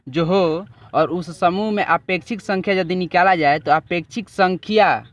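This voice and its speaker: Brief teacher with a lilt. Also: male voice, high voice, no echo. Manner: drawn-out explanatory, repeats and checks "ठीक है". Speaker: chemistry teacher. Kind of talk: classroom lesson with a student. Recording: dull lo-fi recording.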